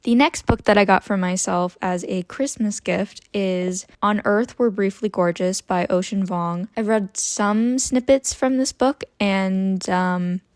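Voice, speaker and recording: A woman's voice: medium pitch, unhurried, hardly any pauses, clean tone, no room sound. Chatty young woman vlogger, dry sound. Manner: chatty, expressive and tangent-prone. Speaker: book vlogger. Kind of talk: casual chat about books.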